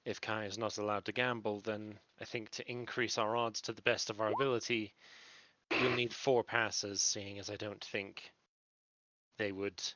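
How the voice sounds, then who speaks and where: A man playing in a tabletop game, with a bright, firm tone. He sets out plans step by step in a measured way. The mic is close and dry. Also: fairly low pitch, little pitch movement, no echo, rough recording. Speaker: player. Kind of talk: tabletop role-play chat.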